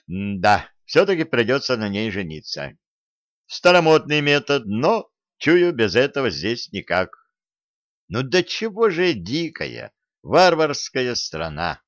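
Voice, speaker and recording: A man's voice: medium pitch, big pitch swings, takes it slowly, a bit bright, no room sound, full character voice. A man doing a cocky bossy young schemer. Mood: grumbling. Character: young brash scheming man, royal gossip.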